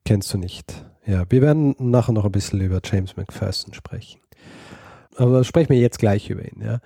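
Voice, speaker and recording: A man with a dark, mellow voice recounts a history story on a podcast. He talks casually, pausing often and restarting his sentences. The sound is dry and close. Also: lowish voice, vocal fry, breathy edge, dry recording. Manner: hesitant, many fillers and restarts, laughs easily. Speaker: podcast co-host.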